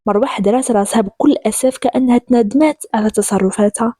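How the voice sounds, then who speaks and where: Lively Moroccan woman telling a story. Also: on the high side, fast talker, no echo, studio quality. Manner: lively, switching voices for characters. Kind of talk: first-person story narration.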